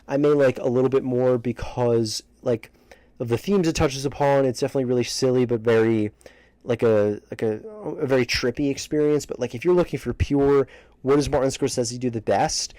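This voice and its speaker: Man giving halting, emphatic movie commentary, dry sound. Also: mid-range voice, steady tone, mellow, no echo. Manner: halting, self-interrupting, emphatic. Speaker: movie reviewer ranking films. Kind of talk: casual opinionated video commentary. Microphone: close microphone, breaths hitting it.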